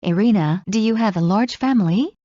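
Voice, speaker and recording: A woman reading scripted English practice dialogues in a slow, clear drill delivery. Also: mid-range voice, warm tone, no room sound. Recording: muffled lo-fi recording.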